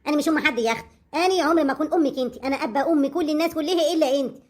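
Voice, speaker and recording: A woman's voice: sits high, rapid-fire, natural voice. A woman with an Egyptian accent playing a scheming, hot-tempered peasant mother-in-law who talks sharply and indignantly. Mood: scornful.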